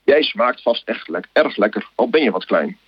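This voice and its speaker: A man voicing a big, scary monster in a children's story, slow and gruff. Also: lowish voice, expressive, dry recording, dull audio.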